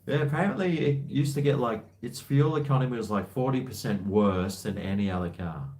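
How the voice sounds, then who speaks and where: In a medium-pitched, darkish voice and at a fairly quick clip, a man rambles through a casual livestream chat. He's the host, answering viewer comments in easygoing, blokey slang.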